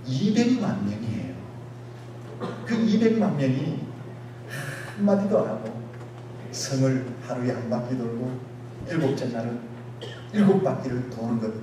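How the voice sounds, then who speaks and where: A man preaching a sermon as pastor, dropping to quiet asides and rising to loud exhortation. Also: medium pitch. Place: church sanctuary. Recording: echoey church hall, distant mic, audible noise.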